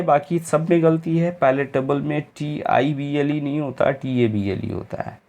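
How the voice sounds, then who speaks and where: A man's voice: medium pitch, gravelly, a little mellow. A man teaching English spelling for exam preparation, spelling each word out letter by letter with informal asides. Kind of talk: exam-prep spelling lecture.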